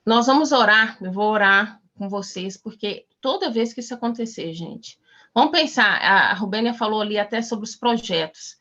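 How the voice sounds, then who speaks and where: A woman's voice: mid-range voice, normal speed, pushed and bright, dull audio. A Brazilian woman mentoring an online class, preaching emphatically with rhetorical questions over a video call.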